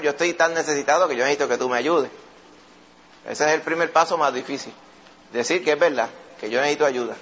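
A man preaching a sermon, telling stories lively and calling his listeners brother. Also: mid-range voice, a little hiss or hum. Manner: lively storytelling preaching, acts out voices; addresses listeners often as brother. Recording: dull lo-fi recording.

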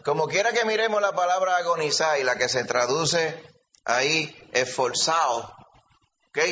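A man preaching an animated sermon, telling stories and calling listeners brother. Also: on the high side. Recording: dull lo-fi recording, faint ambience.

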